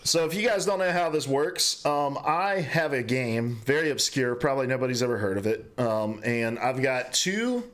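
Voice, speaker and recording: A man's voice: medium pitch, lively intonation, moderate pace, hardly any pauses. A man hosting a casual gaming podcast, running a quiz segment with joking game-show patter. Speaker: podcast host.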